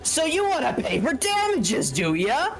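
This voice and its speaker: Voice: high-pitched, wildly swooping pitch, measured pace, over music, voice pushed up, exaggerated voice. A player voicing a cocky, menacing old male tavern keeper in a sly, theatrical manner during a tabletop game. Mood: taunting. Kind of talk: tabletop role-play acting.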